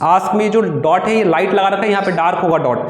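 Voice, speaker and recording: A man's voice: sits high, fast. A man teaching shorthand, explaining patiently step by step, repeating words and asking his students questions. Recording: echoey room with long reverb.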